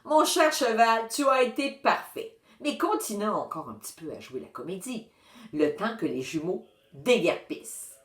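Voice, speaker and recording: A woman voicing a dignified, scheming male farm animal who speaks in a calm, measured way. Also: close to an everyday voice. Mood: sly. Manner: calm, measured, low-key. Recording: roomy echo.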